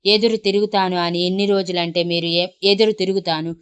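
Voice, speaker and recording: A woman's voice: mid-range voice, steady tone, brisk, smooth, close to an everyday voice. A woman voicing a wronged young wife who speaks in an indignant, insistent way.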